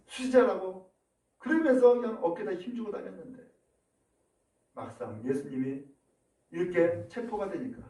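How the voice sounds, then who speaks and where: A man's voice: sits high, vocal fry, warm tone, full character voice. A man voicing the disciple Peter in a sermon, a grown man who protests his loyalty and then breaks into remorse. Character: Peter, a man in anguish denying his teacher. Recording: echoey room from a distance.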